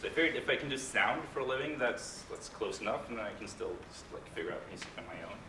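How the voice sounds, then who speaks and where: A man giving a casual conference talk, halting and hesitant with frequent restarts. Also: fairly low pitch, lively intonation. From Norway. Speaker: conference speaker, game composer. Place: large conference hall. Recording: echoey hall, distant mic, room noise.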